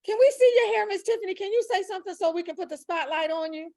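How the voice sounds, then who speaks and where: A woman's voice: very high-pitched, quick pace, a little mellow, no echo, clean studio sound. A woman hosting a casual group video call, chatty and encouraging, calling out participants by name. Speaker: host of a hair care video call.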